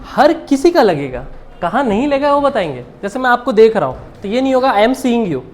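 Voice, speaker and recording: A man's voice: extremely high pitch, very animated, moderate pace. A man teaching English grammar to a live class. He keeps quizzing his students, mixes Hindi with English, and chuckles often.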